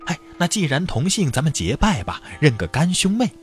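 A man's voice: on the high side, big pitch swings, fairly quick, faint music behind, pitched above the performer's own voice. A man voicing a graceful, bold young woman in a raised, sweet and earnest voice. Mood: cheerful.

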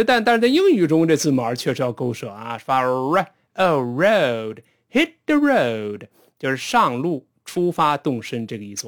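A man teaching spoken English, patiently explaining pronunciation and modelling phrases slowly. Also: fairly high pitch.

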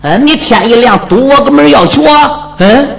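A man's voice: extremely high pitch, expressive, normal speed, vocal fry, a little hiss or hum, pitched above the performer's own voice, exaggerated voice, poor audio. Man putting on a sly old landlord. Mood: protesting. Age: older. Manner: placating, wheedling, protesting. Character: sly old male landlord, evasive, smooth-talking. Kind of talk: traditional storytelling performance. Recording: music playing behind.

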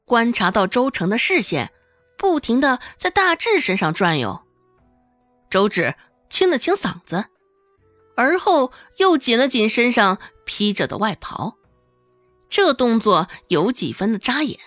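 Lively woman audiobook narrator. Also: fairly high pitch, unhurried, dry recording, soft background music. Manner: lively storytelling, voicing every character. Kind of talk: scripted narration of a serialized novel.

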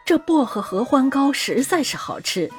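Woman voicing a minister's wife, fawning, eager, airy, high voice. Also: big pitch swings, normal speed, faint music behind.

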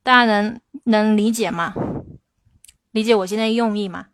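A woman English teacher answering viewers' questions in a livestream, explaining slowly and stressing her English examples. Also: medium pitch, steady tone, a bit bright, slight background noise. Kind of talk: livestream Q&A lesson.

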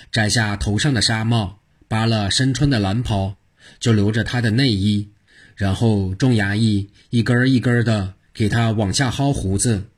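A man's voice: fairly low pitch, husky. A man narrating a traditional tale in short, rhythmic phrases. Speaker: storyteller.

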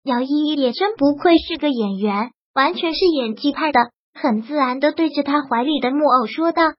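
Lady reading a web novel chapter out loud, high voice, dull dry sound. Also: moderate pace, no echo. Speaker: audiobook narrator. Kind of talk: scripted serial novel narration.

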